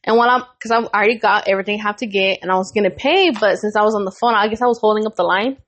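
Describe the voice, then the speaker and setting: A young adult woman co-hosting a podcast, telling a story in casual chat, animated and profane and laughing often. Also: mid-range voice, racing. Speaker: podcast co-host.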